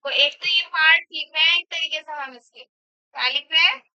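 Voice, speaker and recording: A woman's voice: high-pitched, fairly even intonation, moderate pace, pushed and bright, dry recording. A woman biology teacher lecturing in a classroom, asking the class questions and repeating their answers back, in a dull lo-fi recording. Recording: dull lo-fi sound.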